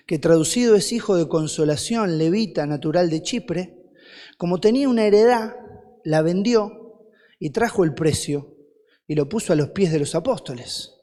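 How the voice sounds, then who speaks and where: A man with a Rioplatense Spanish accent delivers a sermon in a high, bright register. He preaches with animated energy, throwing rhetorical questions at the congregation and answering them himself. His voice rings through a large church hall with a long echo trailing after each phrase. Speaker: guest preacher.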